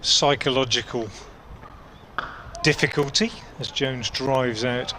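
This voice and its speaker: Bright-voiced male cricket commentator. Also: medium pitch, steady tone, slow. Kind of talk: live cricket commentary with unhurried ball-by-ball description. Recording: outdoor ambient noise behind voice.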